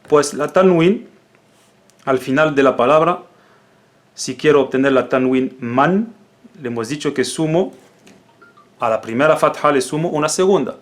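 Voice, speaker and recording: With a fairly high pitch, a native Arabic-speaking man patiently teaches the Arabic alphabet aloud. He drills every syllable, repeating it slowly.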